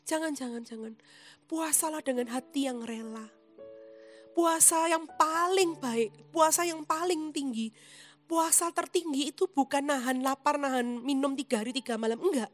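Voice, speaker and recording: A woman's voice: sits high, normal speed, faint music behind. A woman preaching a sermon in an earnest, emphatic manner, speaking of herself in the third person.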